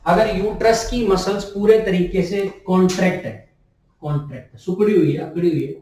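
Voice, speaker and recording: A man's voice: high-pitched, brisk, dark tone. A man teaching nursing students in a lecture, repeating key terms and asking and answering his own questions. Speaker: nursing tutor. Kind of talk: classroom lecture. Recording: echoey room, distant mic.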